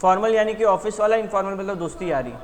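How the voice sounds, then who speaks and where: A man with a high voice runs an exam revision lecture, firing questions at his students and answering them himself. His speech trails off into a long, reverberant tail. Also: fast, a little hiss or hum. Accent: Indian English words. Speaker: teacher.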